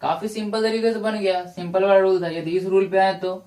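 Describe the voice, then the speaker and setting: A man's voice: high-pitched, flat delivery, darkish tone, recorded from a distance. Man teaching grammar in an echoey room. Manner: slow, explains grammar rules step by step, repeats each example. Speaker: English teacher. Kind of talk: classroom lecture.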